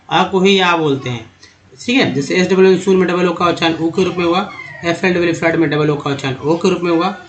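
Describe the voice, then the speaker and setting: A man teaching a slide-based language lesson as a voice-over, slowly spelling words out letter by letter and calling his viewers friends. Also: sits high. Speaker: English teacher.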